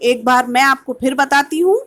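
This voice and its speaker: A woman's voice: high-pitched, moderate pace, fairly bright tone. A woman teacher giving an online kindergarten lesson, patiently sounding out words syllable by syllable. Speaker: primary school teacher.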